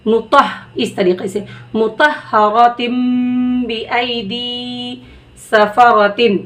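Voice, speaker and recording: A woman teaching Quran reading, spelling out letters slowly and patiently before blending them into words. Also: a little high, a bit bright. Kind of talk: slow spelled-out recitation lesson.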